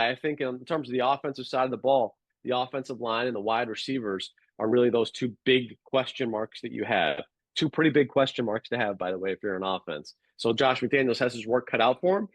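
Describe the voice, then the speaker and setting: A man talking sports as a podcast guest, measured and analytical, with frequent fillers and restarts. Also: medium pitch, dry recording, rough recording. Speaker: guest sports radio producer. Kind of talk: casual sports podcast chat.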